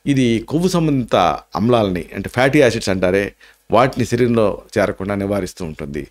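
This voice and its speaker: A man's voice: on the low side, lively intonation, fairly quick, darkish tone. A man with a Telugu accent, an Ayurvedic doctor giving health advice to camera, explaining step by step and slipping in English terms. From India. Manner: explanatory, slips in English terms, many restarts and "aa" fillers.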